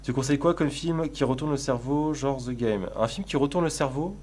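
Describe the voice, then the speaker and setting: A man's voice: mid-range voice, fairly quick, a little mellow, a little hiss or hum. A man streaming live, chatting casually in a crude, sarcastic, rambling way while answering his chat.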